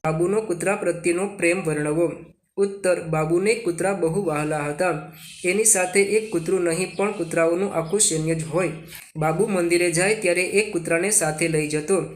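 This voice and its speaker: A man with a Gujarati accent reads textbook questions and their answers aloud, in a steady question-and-answer manner, as a teacher. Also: high-pitched, moderate pace.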